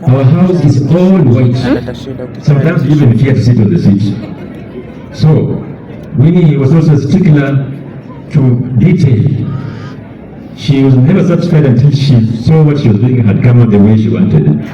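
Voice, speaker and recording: Kenyan dad giving a eulogy, mature guy, deliberate, repeats himself, roomy far off muffled recording. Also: mid-range voice, expressive, dark tone. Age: middle-aged or older. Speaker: bereaved father giving a eulogy. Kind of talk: eulogy speech. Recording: echoey, distant, dull public-address sound.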